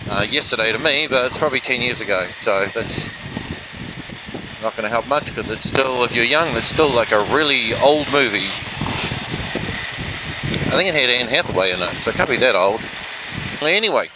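Riding outdoors, a man vlogs about action cameras from inside his helmet, rambling casually in a self-deprecating way. He speaks at normal speed with medium pitch and lively intonation, leaving long pauses. His foam-covered helmet microphone picks up plenty of wind and vehicle noise.

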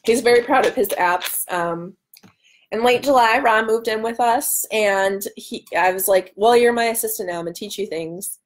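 The recording is rough, carrying a woman's slightly high voice at a moderate pace. She's in her thirties, hosting a relaxed livestream from a room at home by a window, answering viewers enthusiastically and joking at her own expense.

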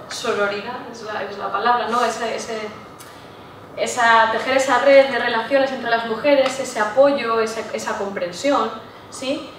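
A woman's voice: on the high side, fairly bright tone, a little hiss or hum. Echoey, distant woman lecturing. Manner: checks in with listeners with frequent "¿sí?". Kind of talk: public talk to a live audience. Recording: echoey room, voice from far off.

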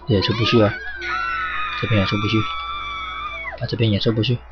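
A man's voice: medium pitch, huge pitch swings, quick pace. A man doing casual, cursing commentary while he plays a game, urging characters along. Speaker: gaming streamer. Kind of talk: live gameplay commentary. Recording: dull lo-fi with loud game music. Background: game music.

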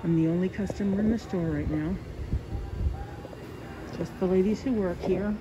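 Lady w a slightly low voice muffled by a mask, casual store tour on her phone, noisy background. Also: moderate pace. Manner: chatty, apologetic, speaking while walking around filming. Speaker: shopper hosting a store tour video. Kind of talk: casual vlog narration. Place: inside a large store. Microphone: handheld phone camera.

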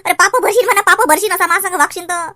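Brief: actress as a vengeful village woman in a comedy sketch, shrill scolding rant at a fast clip. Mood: bitter rant. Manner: ranting, loud and scolding.

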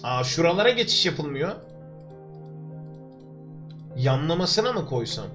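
Over music, a very animated young Turkish man with a slightly high voice livestreams a game from his home room, talking a little slowly. Into his desk microphone he chats with viewers and jokes to himself as he plays.

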